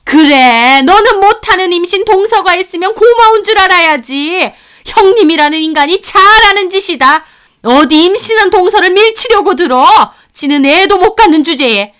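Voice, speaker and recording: A woman voicing a domineering, quick-tempered older mother-in-law who scolds shrilly. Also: extremely high pitch, animated, fairly bright tone, voice pushed up. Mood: scolding.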